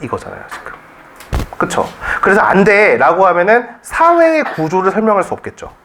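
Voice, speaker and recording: A man's voice: sits high, huge pitch swings, a little fast, a bit bright, a little hiss or hum. A man teaching a Korean reading class at a cram school, joking and constantly firing rhetorical questions at his students. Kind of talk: classroom lecture.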